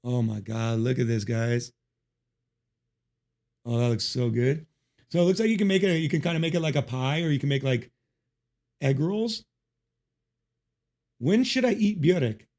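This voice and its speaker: This man's mid-range voice is animated and darkish, moving at normal speed with frequent pauses. Streaming a game, he chats casually with his audience, greeting chat, joking, and swearing heavily into a noise-removing desk mic.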